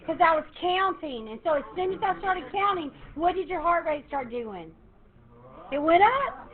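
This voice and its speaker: A woman math teacher, lecturing her class in a lively, encouraging way and quizzing students. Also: very high voice, normal speed. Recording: tinny phone-like classroom recording, faint hiss.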